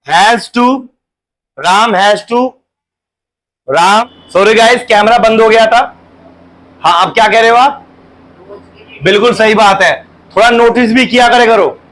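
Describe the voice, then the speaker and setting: A male teacher with a Hindi accent, giving a classroom grammar lesson and dictating sentences slowly with repetition. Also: high voice, a bit bright, low-quality recording. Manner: slow, drawn-out dictation with repetition.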